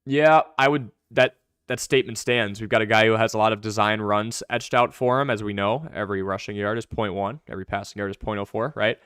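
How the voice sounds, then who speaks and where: A young man hosting a live fantasy football stream, answering viewer questions in quick, chatty commentary. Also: lowish voice, steady tone, a bit bright, clear, resonant tone, no room sound, studio quality. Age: young adult.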